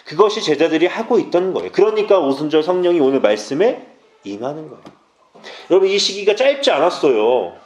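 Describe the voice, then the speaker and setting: Animated young-sounding male preacher, echoey church. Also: on the high side, fairly quick. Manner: urgent, direct exhortation with playful asides. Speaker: junior pastor. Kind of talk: youth sermon. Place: church sanctuary.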